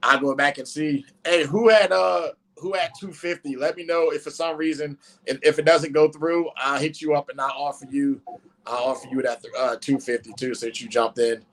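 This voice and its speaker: Casting: man, bright and tense tone, joking live-stream host with auctioneer patter. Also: a little high, steady tone, normal speed, rough recording. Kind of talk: casual live-stream chat.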